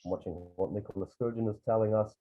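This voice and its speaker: Talking fast in a fairly even, low-leaning voice, this Edinburgh tour guide and photographer rambles through casual stories on a video call, full of restarts and asides. He's from Scotland, and the call audio is tinny, like a phone.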